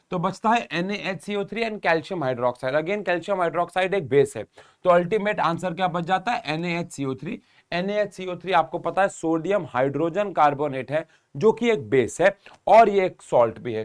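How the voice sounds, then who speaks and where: A man's voice: sits high, expressive, normal speed. A young man teaching an exam-prep chemistry lesson, explaining step by step and speaking straight to his students.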